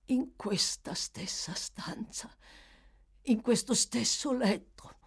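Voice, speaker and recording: A woman voicing a feverish, guilt-ridden dying old pauper woman who gasps and breaks into whispers and high cries. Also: slow pace, vocal fry, husky, exaggerated voice. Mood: feverish confession.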